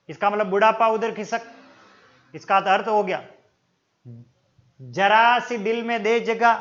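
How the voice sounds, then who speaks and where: A man with a Rajasthani Hindi accent teaching an exam-prep Hindi grammar lesson, explaining slowly and repeating words to stress how they are pronounced, calling his viewers friends. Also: high-pitched, fairly bright tone. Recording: dull lo-fi sound.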